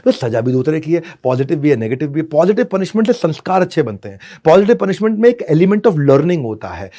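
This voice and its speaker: A man with a fairly high voice delivers a motivational lecture on parenting. His delivery is dramatic, jumping from loud bursts to hushed asides. He slips terms his talk. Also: sing-song, brisk. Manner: dramatic, swings from loud scolding to soft asides. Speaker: business consultant and parenting coach.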